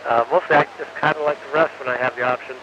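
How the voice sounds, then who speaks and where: An astronaut with a mid-range voice and fairly even intonation talks to students from the space station. His halting answers are full of fillers, and each ends with "over". The radio link is muffled, with faint static, and keeps breaking up.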